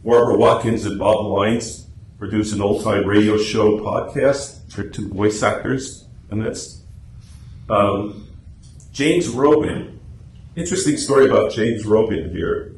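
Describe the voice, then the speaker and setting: A club presenter and radio script writer speaks a little slowly, his voice fairly low. He gives a chatty, informal, anecdote-filled talk to a small audience in a meeting room, recorded with echo and faint noise.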